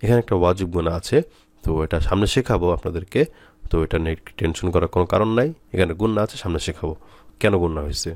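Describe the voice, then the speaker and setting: A man teaching Quran reading, who drills letter sounds slowly and patiently and repeats key points. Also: low voice, a little mellow, no room sound. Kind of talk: recorded lesson.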